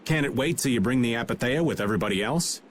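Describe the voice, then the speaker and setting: Voicing a roguish middle-aged guild veteran for a video game, a man speaks fast and animatedly in a mid-range voice close to his everyday one. The teasing, folksy performance feels breezy and wry, with slight background noise.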